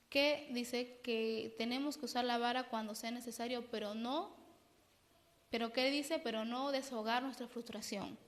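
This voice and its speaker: Peruvian lady psychologist giving a church parenting talk, kinda high voice, long echo on it. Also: fairly bright tone. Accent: Peruvian Spanish. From Peru. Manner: explanatory, keeps checking in with "¿no?". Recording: long reverb.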